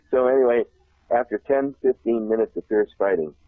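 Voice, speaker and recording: A man telling a long childhood story on a talk show, animated and laughing often. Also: medium pitch, normal speed, no room sound. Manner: animated, laughs often, acts out shouted voices. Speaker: guest telling a life story. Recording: tinny phone line.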